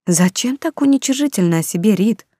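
A woman's voice: mid-range voice, expressive, moderate pace, a little mellow, no echo, pitched above the performer's own voice, close to an everyday voice. A woman voicing a bold, blunt young woman who teases her friend, in a dry close reading. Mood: teasing. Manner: blunt, teasing.

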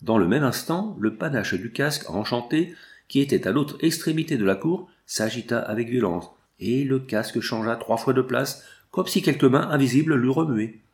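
Male narrator, mid-pitched, for a measured reading of a classic novel. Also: expressive. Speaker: audiobook narrator.

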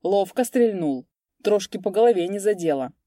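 A woman's voice: medium pitch, animated, moderate pace, warm tone, dry recording, studio quality, close to an everyday voice. A woman voicing a carefree young village coachman who drawls simply and stays unbothered.

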